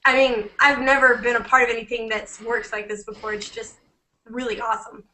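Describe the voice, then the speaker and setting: A woman's voice: fairly high pitch, level tone, brisk, sharp tone, poor audio. A young woman who has a cold, talking enthusiastically on a casual group call as a network marketer. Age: young adult. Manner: enthusiastic, chatty.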